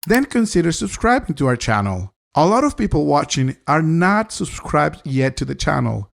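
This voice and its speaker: A man's voice: fairly high pitch, big pitch swings, moderate pace, vocal fry. A man narrating a scripted live sound tutorial, upbeat and talking straight to the viewer. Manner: upbeat, direct, talks to the viewer. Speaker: live sound engineer teaching mixing.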